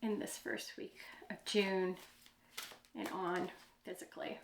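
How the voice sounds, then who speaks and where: A middle-aged woman gives a psychic card reading at an unhurried, drawn-out pace. She muses aloud, trailing off and restarting her thoughts. Her voice rings in a roomy, echoey space. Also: medium pitch, level tone, noisy background. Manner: slow, musing, trailing off and restarting. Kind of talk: channeled card reading monologue.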